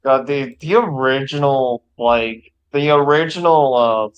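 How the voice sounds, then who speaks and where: A man's voice: medium pitch, unhurried, clean tone, muffled recording. A man in a casual voice chat who laughs often and stammers and restarts his sentences. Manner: giggly, stammering, restarts a lot.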